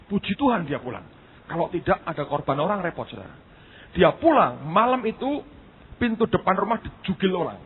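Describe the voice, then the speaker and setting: A male pastor preaching in a storytelling sermon, talking conversationally, speaking straight to his listeners with dramatic pauses. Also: high voice, very animated. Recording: tinny phone-like lo-fi recording.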